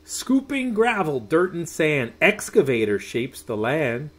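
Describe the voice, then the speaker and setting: Here a middle-aged man, his voice on the high side, gives an expressive sing-song reading of a rhyming children's bedtime story in a small room at home. Words are stretched long, and the goodnights come out gently hushed.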